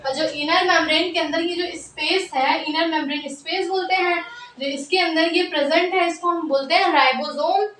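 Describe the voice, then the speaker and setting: A woman's voice: very high-pitched, fairly even intonation, normal speed, fairly bright tone, slight background noise. A woman teaching a biology class, repeating key terms and asking questions she then answers herself, and slipping English phrases into her talk. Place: room with a board. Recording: echoey room, mic at a distance.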